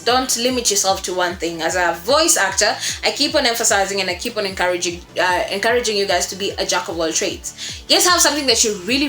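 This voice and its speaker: A voice-acting coach gives viewers an informal tutorial in a mid-range, sharp-toned voice, encouraging and emphatic, often repeating herself for stress. Music plays behind her in a roomy, echoing recording.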